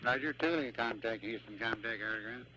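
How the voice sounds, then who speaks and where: A man's voice: mid-range voice, a little fast, highs cut off. A man working as a communications controller, giving clipped check calls over the radio like a pilot. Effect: radio transmission. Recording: very noisy, beeping radio loop.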